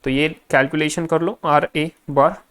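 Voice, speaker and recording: A man's voice: fairly high pitch, steady tone, measured pace, a bit bright, smooth. A male finance lecturer in a recorded class, adding up figures aloud half to himself and coaching students directly.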